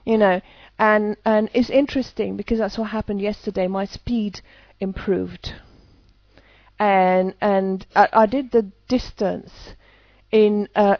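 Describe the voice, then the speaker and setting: A woman's voice: mid-range voice, no room sound, dull audio. A woman, an EFT practitioner, talking casually to camera with many hesitant restarts.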